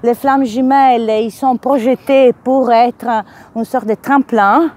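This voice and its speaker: A woman's voice: high-pitched, steady tone, takes it slowly, darkish tone. A woman with a foreign accent in French, a non-native speaker talking informally and searching for words in a spiritual vlog monologue. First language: not French. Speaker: spiritual vlogger and energy healer.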